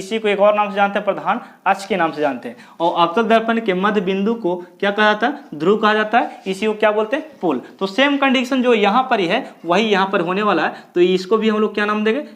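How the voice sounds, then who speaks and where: A man giving a physics lesson, who keeps asking the class questions, answers them himself, and repeats key terms slowly. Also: sits high, fairly bright tone. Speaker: physics teacher. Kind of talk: blackboard lecture.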